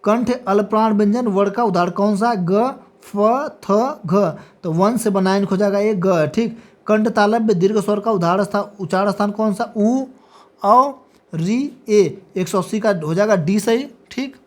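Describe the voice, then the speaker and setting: Speaking at an unhurried pace in a medium-pitched voice, a woman teacher goes through multiple-choice exam questions and their options for an exam practice lecture. She briefly confirms each answer, saying "ठीक है" every time.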